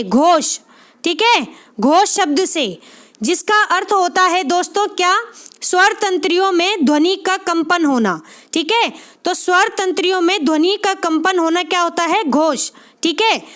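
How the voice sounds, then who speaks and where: A woman's voice: extremely high pitch, a bit bright. A woman teaching an exam-prep lesson, repeating each point and checking in often with the class.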